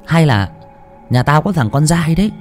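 A man's voice: fairly high pitch, animated, moderate pace, faint music behind, voice pushed up, natural voice. A man voicing a middle-aged village woman who chatters nosily and shrieks for help in a ghost story. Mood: nosy. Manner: nosy chatter, shrieking cries.

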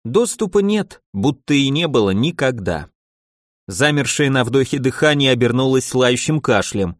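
A man narrating a fantasy novel as an audiobook, raising his pitch when he acts out the characters' lines. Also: animated, moderate pace, dry recording, clean studio sound.

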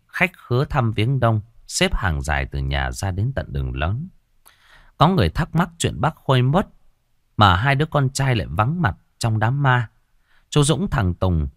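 A man narrating a ghost story with expressive delivery. His very low voice moves in a lively way. The recording is dry and close. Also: no echo.

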